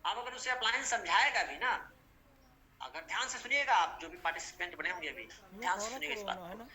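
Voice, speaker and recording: A man leading a motivational business training session, speaking slowly and deliberately, repeating points and acting out little dialogues. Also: high-pitched, lively intonation, bright, forceful tone. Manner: slow, deliberate, repetitive explaining; acts out quoted dialogues.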